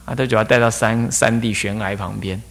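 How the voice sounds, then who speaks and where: A man giving a Buddhist dharma talk as abbot, telling stories with lively rhetorical questions. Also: lowish voice, fast talker. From Taiwan. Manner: animated storytelling with rhetorical questions.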